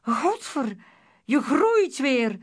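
A woman's voice: medium pitch, animated, takes it slowly, mellow. A woman reading aloud, voicing a cruel male doctor who speaks in a mockingly soothing, menacing way. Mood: agitated.

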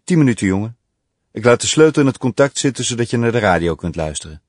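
A man reading the lines of an anxious woman, a mother on her way to her lover, in a soft, hushed voice. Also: mid-range voice, big pitch swings, quick pace, dry recording, clean studio sound. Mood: hurried, tense. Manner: soft, hushed pleading in the tender scenes.

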